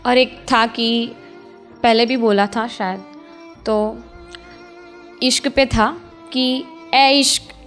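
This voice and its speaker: A young woman reciting her own spoken word poetry, slow and measured, repeating her refrains. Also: on the high side, fairly even intonation, music in the background. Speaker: poet.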